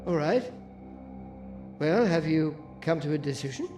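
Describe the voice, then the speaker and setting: A courteous gentleman, formal and unhurried. His voice sits slightly high. Game music plays behind. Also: lively intonation. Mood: genial. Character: genial, polite British senior man, cricket fan. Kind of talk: video game voice acting.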